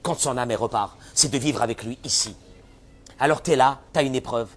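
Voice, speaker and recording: A man giving a sermon as a rabbi, animated, often acting out the voices of people who complain. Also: mid-range voice, brisk, slight background noise.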